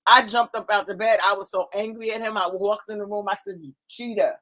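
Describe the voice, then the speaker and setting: An older woman, co-hosting a casual chat and telling animated, laughing stories. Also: medium pitch, quick pace. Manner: animated storyteller, laughing and acting out voices. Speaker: co-host.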